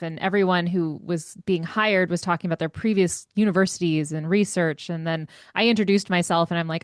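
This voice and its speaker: A woman speaking as an interview guest, chatty and quick to laugh at herself. Her voice sits a little low for a woman. It comes across dry and close, with no room sound around it. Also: clean tone, no echo. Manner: chatty, self-deprecating, laughs often. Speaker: guest, educator and author. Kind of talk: casual interview talk.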